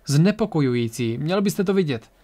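A man's voice: on the high side, expressive, mellow. A man voicing a worried ship pilot in an amateur audiobook reading.

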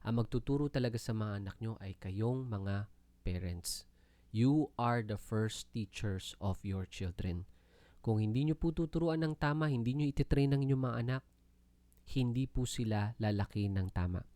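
A man's voice: lowish voice, moderate pace, dark tone, no echo. A Filipino man with a Filipino accent giving an earnest, polite Bible teaching talk in mixed Tagalog and English. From Philippines. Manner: earnest, polite, often uses "po" and "no?".

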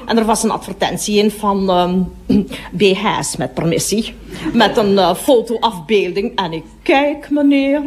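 A woman's voice: medium pitch, measured pace, darkish tone, close to an everyday voice. An actress playing a gossipy middle-aged woman toilet attendant in a radio comedy monologue, chattering on and breaking off to speak to customers.

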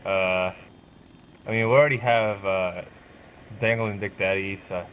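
A man's voice: low-pitched, fairly even intonation, measured pace, a bit bright, a little hiss or hum, low-quality recording. A drunk man swearing freely in casual game voice chat over a headset. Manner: loose, swears constantly. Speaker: gamer in squad voice chat.

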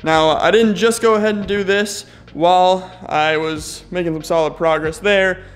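A man's voice: high voice, fairly even intonation, moderate pace, soft background music. A man casually vlogging a car build from his home garage, laid-back and slangy, thinking aloud with easy fillers. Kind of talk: casual chat to camera.

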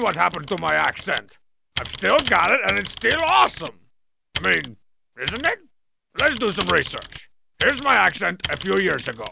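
A man voicing a brash, boastful masked male wrestler in a cartoon, gruff and gravelly, swaggering and sarcastic. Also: high voice, background noise, heavily acted. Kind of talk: cartoon email-answering monologue.

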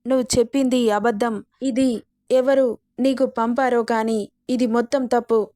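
An indignant middle-aged mother who fiercely defends her son and scolds, as a woman narrator puts her on. The voice is a bit high and dry. It is a storybook reading. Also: steady tone, unhurried, dark tone, dry recording, close to an everyday voice. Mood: scolding, indignant.

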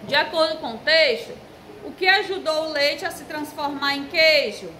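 A woman's voice: sits high, fairly bright tone, a little hiss or hum, rough recording. A Brazilian woman teaching a recorded first-grade lesson, patiently spelling out letters and syllables. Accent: Brazilian Portuguese. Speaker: primary school teacher. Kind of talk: recorded remote class.

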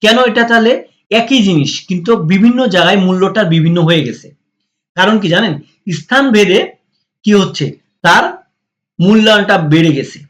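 A man with a fairly high voice and a Bangladeshi accent gives a spoken English lesson. He explains patiently and throws rhetorical questions to his viewers. He slows right down to spell out each example phrase. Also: a bit bright. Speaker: English teacher.

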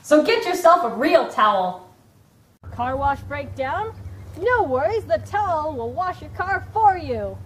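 A young woman playing a pushy, excitable infomercial pitchwoman in a parody ad. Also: unhurried. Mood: peppy salesmanship. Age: young adult. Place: office-like indoor room. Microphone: camera across the room. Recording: roomy indoor echo, background noise.

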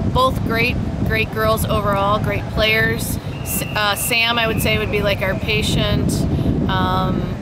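Middle-aged woman, tennis coach, postgame interview, plainspoken with ums, outdoor courts, loud background noise. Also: mid-range voice. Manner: plainspoken, frequent ums and restarts.

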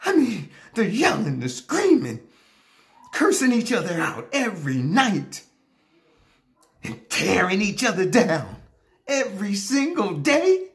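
Male actor as anguished middle-aged husband, hammy stage monologue, slow, highly animated pitch, emphatic pauses. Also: heavily acted. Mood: anguished, pleading. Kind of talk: theatrical dramatic monologue. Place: small plain room indoors.

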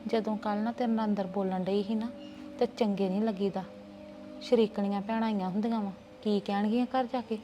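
A woman's voice: medium pitch, steady tone, fairly quick, mellow, muffled recording, faint music behind. A woman playing an aunt in a family drama, soothing at first and turning indignant. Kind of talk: Punjabi family drama dialogue.

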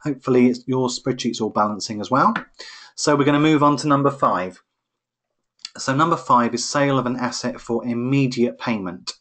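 A man's voice: mid-range voice, moderate pace, fairly bright tone. A man tutoring accounting in a live online lesson, explaining each step patiently over a computer microphone. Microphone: computer microphone on a webinar.

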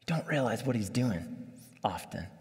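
A man in his thirties preaching a sermon from a church sanctuary, conversational and animated, acting out little scenes as he walks the stage. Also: medium pitch, normal speed. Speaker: pastor. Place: church sanctuary, large room. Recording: long church hall reverb.

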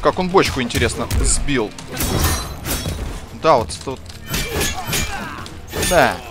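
A man's voice: medium pitch, lively intonation, slow. A man giving casual gameplay commentary with short offhand exclamations and muttered asides. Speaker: gamer commentating a playthrough. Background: game music and fight sounds.

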